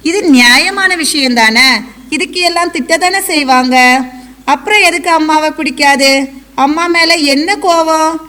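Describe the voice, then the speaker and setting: A woman's voice: high voice, moderate pace, sharp tone. A woman playing a counselor who keeps questioning and coaxing a young girl. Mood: probing. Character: patient, probing female counselor. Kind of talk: college stage skit.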